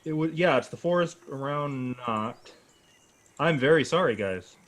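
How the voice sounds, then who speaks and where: A man's voice: medium pitch, animated, measured pace, a bit bright. A man chatting casually as game master of a tabletop game, self-deprecating in manner.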